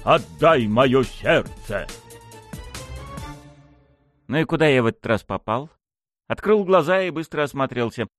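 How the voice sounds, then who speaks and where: A man reading a first-person audiobook aloud, telling it in a wry, expressive way. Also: brisk, faint music behind. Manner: wry, expressive storytelling with wide pitch swings. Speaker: audiobook narrator.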